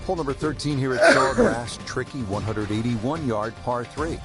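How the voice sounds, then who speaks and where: A man's voice: mid-range voice, animated, moderate pace, over loud music. A man calling golf play by play as a commentator.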